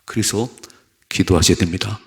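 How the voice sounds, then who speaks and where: Male pastor, sermon, gravelly voice, low-pitched, earnest repetition, church at dawn. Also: moderate pace, fairly bright tone. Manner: earnest, repetitive preaching that asks the congregation to respond. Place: church sanctuary at a dawn prayer service.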